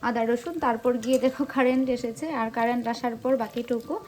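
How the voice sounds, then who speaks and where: A woman's voice: a little high, little pitch movement, fast talker. A woman with a Bengali accent giving chatty, teasing running commentary as she cooks at home and films a vlog. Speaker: vlogger. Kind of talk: casual vlog narration while cooking. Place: home kitchen and outdoor yard.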